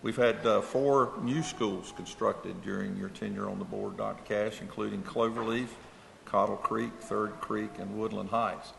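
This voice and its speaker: Gravelly man. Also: lowish voice, fairly even intonation, a bit bright. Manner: halting, many fillers and frequent throat-clearing. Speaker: board member presenting an award. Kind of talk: formal speech at a public meeting. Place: large meeting hall. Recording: echoey hall, faint room noise.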